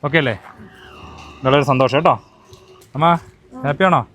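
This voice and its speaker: A man from Kerala, a handloom shop owner, talking casually in a loud, coaxing way and repeating his reassurances. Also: mid-range voice, moderate pace, soft background music. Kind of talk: casual chat.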